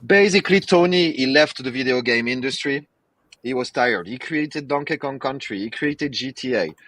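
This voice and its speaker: A man's voice: medium pitch, expressive, moderate pace, fairly bright tone, no room sound. A man hosting a podcast in casual chat, talking with rambling enthusiasm and many fillers. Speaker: podcast host.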